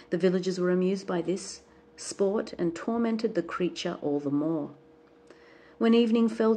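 A woman storyteller reading a folk tale aloud in a calm, measured way. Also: fairly low pitch, husky.

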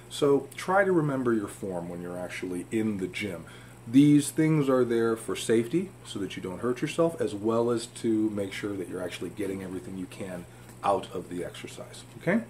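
Talking to camera in a home room lined with fish tanks, a man offers emphatic, informal fitness instruction. His voice is mid-range with a darkish tone, and noticeable room hum and background noise come through.

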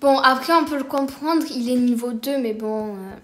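A woman's voice: high voice, moderate pace, a little hiss or hum. Chatty woman giving gameplay commentary. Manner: chatty, bursts into excited exclamations. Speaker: gaming video creator.

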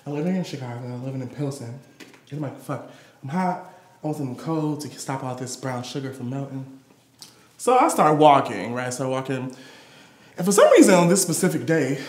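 A young performance artist from Detroit, USA, shares candid stories about his life live, sassy, playful, and slangy. His mid-range, darkish voice moves at a moderate pace with lively intonation, recorded in a roomy gallery space.

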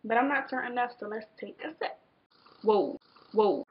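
A woman's voice: on the high side, highs cut off. A tipsy American woman in her twenties, rambling drunkenly and animatedly in a casual storytime chat, often losing her thread. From Washington, D.C., United States. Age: 20s. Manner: animated exclamations and drawn-out words. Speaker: vlogger. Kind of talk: casual storytime chat while doing makeup. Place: small bedroom, indoors. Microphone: camera a short distance away.

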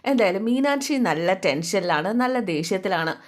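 A woman's voice: mid-range voice, animated, normal speed. Woman storyteller, casual retelling, chatty and conversational, self-correcting. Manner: chatty, conversational, corrects herself mid-telling.

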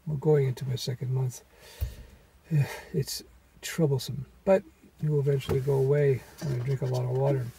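A man teaching web development in a casual vlog, talking from a car into a phone, his voice weak and hoarse from laryngitis, rambling with many fillers. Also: medium pitch, flat delivery, normal speed, dark tone, slight background noise, rough recording. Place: inside a parked car.

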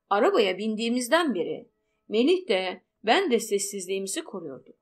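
A woman narrates a first-person audiobook story in an expressive manner. Her pitch rises and falls freely, and faint music plays under her voice. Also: vocal fry.

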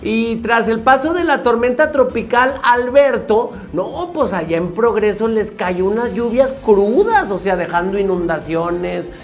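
A man's voice: high-pitched, expressive, unhurried, few pauses. Wisecracking Mexican man cutting in with gags. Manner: wisecracking, interjects gags and slang. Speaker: comedy news co-host. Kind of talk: joking casual news banter.

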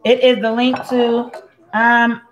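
A woman from Puerto Rico walks viewers through a recipe in her home kitchen, taking her time and chatting as she cooks, sometimes trailing off or chewing between sentences. Her unhurried voice rings off the hard kitchen walls, with a faint hum of ambient noise behind it. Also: on the high side, level tone, roomy sound, muffled recording. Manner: chatty, talks while cooking and chewing, drifts off mid-sentence. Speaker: home cook host. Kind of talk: casual cooking demonstration.

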